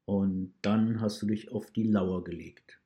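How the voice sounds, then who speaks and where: A man voicing a stern, patient male wolf catcher who asks calm, probing questions in a read-aloud story. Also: on the low side, a little slow.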